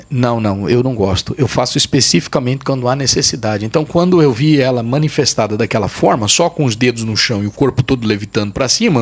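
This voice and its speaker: A man, a pastor and podcast guest, telling a testimony in vivid detail, emphatic and repeating phrases for weight. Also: medium pitch. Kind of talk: testimony storytelling in a podcast interview.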